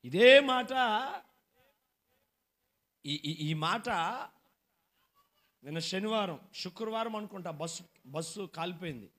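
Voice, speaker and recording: Man, pastor, very high pitch, sermon, shouts and asks the crowd questions. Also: animated, slow, long pauses. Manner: swings between shouted exhortation and quiet storytelling, asks the crowd questions.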